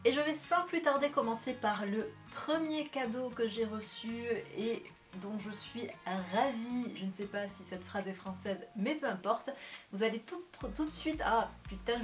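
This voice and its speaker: A woman's voice: a little high, normal speed. Young woman vlogging from her bedroom, bubbly and joking at herself, lots of ums, faint music behind. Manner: chatty, bubbly and self-mocking, with many fillers. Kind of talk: casual chat. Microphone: studio microphone.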